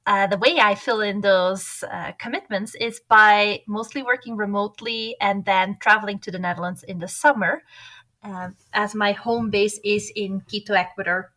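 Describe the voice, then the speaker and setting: Bright-voiced woman from Belgium. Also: medium pitch. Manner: clear, orderly explaining. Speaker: engineering professor, guest. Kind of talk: interview answers.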